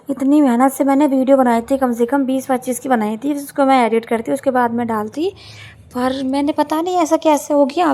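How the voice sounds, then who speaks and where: Hoarse young woman vlogging chores. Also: sits high, a little mellow. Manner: rambling, complaining, self-correcting. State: hoarse, sore throat. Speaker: home vlogger. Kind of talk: casual chatty vlog narration.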